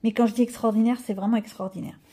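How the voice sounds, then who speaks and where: Chatty French-speaking woman vlogger, mellow voice. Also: fairly high pitch, steady tone, quick pace, husky. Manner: chatty, rambling, with many fillers and restarts. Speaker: coloring channel vlogger. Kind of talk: casual haul vlog chat.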